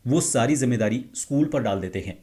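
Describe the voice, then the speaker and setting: A middle-aged man teaching as a speech coach. He explains calmly and now and then acts out short example lines in a raised tone. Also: medium pitch, brisk. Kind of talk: explanatory talk to camera.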